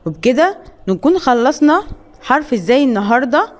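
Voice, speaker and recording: An Egyptian woman teaching kindergarten children the letters, drawing out each sound and word slowly. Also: high voice, big pitch swings. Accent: Egyptian Arabic. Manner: slow, drawn-out sounding of letters and words. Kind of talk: children's phonics lesson.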